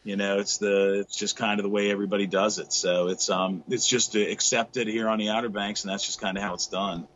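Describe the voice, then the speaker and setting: A man's voice: on the low side, flat delivery, fairly quick, hardly any pauses, fairly bright tone, lo-fi sound, a little hiss or hum. A middle-aged man explaining surf fishing technique on a video call from a tackle shop, with lots of fillers and restarts. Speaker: guest fishing expert. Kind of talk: casual video-call interview. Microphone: laptop webcam on a video call.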